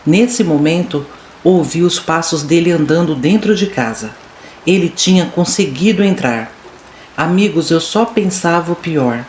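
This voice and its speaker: A woman's voice: on the low side, expressive, unhurried, darkish tone. A woman reading a listener's horror story aloud in first person, with dramatic, suspenseful storytelling. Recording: roomy room echo with faint noise.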